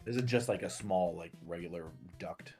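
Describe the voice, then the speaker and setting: Low-voiced male player, practical and matter-of-fact. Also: moderate pace, a little mellow, slightly rough, soft background music. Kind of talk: casual tabletop play over voice chat.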